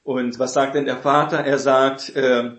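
Mann, lockere Bibellehre in hallendem Raum. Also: male voice, mid-range voice, little pitch movement, measured pace, a bit bright, reverberant. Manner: conversational, frequent tag questions, acts out quoted voices. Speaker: preacher teaching on church elders. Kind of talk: informal Bible teaching.

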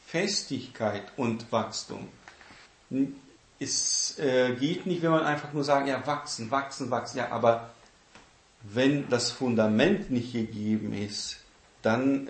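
A man's voice: medium pitch, reverberant. A man teaching a Bible study lesson, explaining step by step and repeating his key words.

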